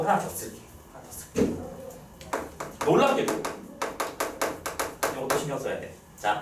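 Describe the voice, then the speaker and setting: Animated male teacher in an echoey classroom. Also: medium pitch. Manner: lively, checks in often with "right?". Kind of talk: classroom lecture. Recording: echoey room, far from the mic, faint background noise.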